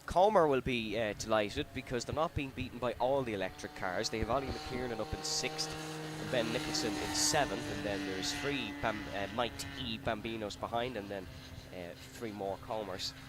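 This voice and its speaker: A man's voice: on the low side, moderate pace. A man giving live motorsport commentary, calling the race in running play-by-play that rises with the action. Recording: loud engine and outdoor track noise. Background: kart engines at an outdoor circuit.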